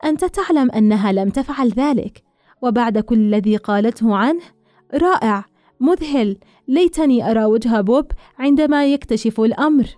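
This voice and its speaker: A woman voicing an excitable, gossiping young woman who gushes in high exclamations. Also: fairly quick, no room sound, studio quality, faint music behind, close to an everyday voice. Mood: excited gossip.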